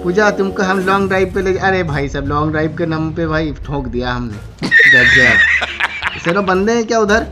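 A man's voice: high-pitched, animated, fairly quick. Young male streamer, flustered and joking, playful pleading, game music bed. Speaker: gaming YouTuber. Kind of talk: casual gaming chat.

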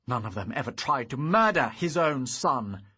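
A deep, growling old tyrant king, stern and full of wrath, as an audiobook narrator puts him on. He speaks slowly with a husky, breathy edge and a forceful, bright tone. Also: expressive, full character voice. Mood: furious. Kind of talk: audiobook character reading.

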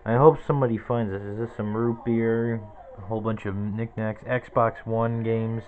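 A man's voice: lowish voice, steady tone, normal speed, a little hiss or hum. Rambling young man, tinny lo-fi sound. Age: 20s. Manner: rambling, lists objects one by one. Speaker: vlogger. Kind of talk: casual room tour. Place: small cluttered bedroom, indoors. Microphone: handheld camera close to the face.

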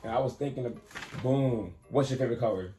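A man's voice: mid-range voice, fairly quick, mellow, faint music behind. A man casually teasing his girlfriend at home with playful, insistent slang during a prank. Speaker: prankster boyfriend, channel host. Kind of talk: casual prank vlog banter. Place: home, indoors.

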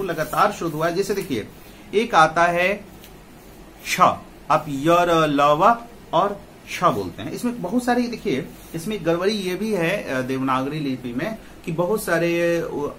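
Lively, animated man teaching pronunciation. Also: on the high side, a little hiss or hum. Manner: explanatory, repeats sounds and asks rhetorical questions. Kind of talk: spoken lecture.

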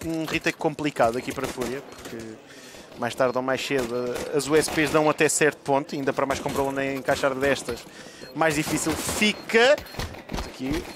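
A man's voice: medium pitch, animated, fairly quick. A man with a European Portuguese accent co-commentating an esports match, analysing the play in a conversational way. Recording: clear noise behind, game ambience.

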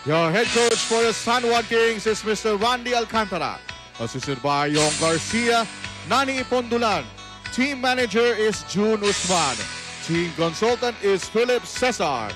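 A man with a Filipino accent booming out live sports introductions as a hype arena announcer, stretching out the names. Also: expressive, moderate pace, music in the background. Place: large indoor sports arena.

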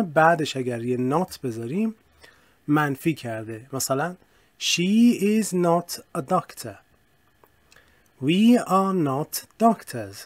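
A male teacher explaining grammar in a casual way and reading example sentences slowly and clearly. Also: mid-range voice, dry recording. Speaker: English teacher. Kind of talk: recorded language lesson.

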